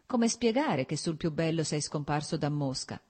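An agitated young nobleman in love, voiced by a woman reading aloud, speaking in an earnest, urgent, pleading way. The voice stays low and mellow, with a faint huskiness. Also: animated, normal speed, slightly rough.

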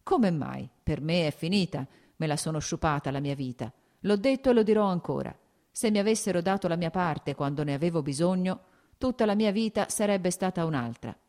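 A woman voicing a drunken, bitter older man who gets excited and jumps from topic to topic, in an audiobook. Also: on the low side, brisk, close to an everyday voice. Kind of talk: audiobook character voice.

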